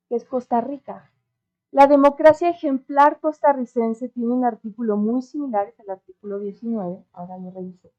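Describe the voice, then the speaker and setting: Woman from Mexico, academic panelist, earnest, ironic, dull lo-fi sound. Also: a little high. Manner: earnest, ironic asides, tag questions. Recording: dull lo-fi recording.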